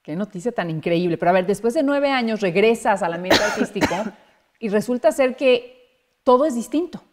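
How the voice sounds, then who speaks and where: Woman interview host, mid-pitched voice, short reactions, casual questions. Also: animated, moderate pace.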